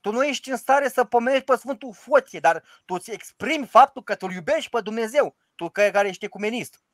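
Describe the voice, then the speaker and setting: Male priest, high-pitched, dry close mic; emphatic, rhetorical teacher who recites prayers. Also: a bit bright, no echo. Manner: emphatic and rhetorical, quotes the liturgy aloud. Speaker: Orthodox priest. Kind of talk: informal teaching discussion.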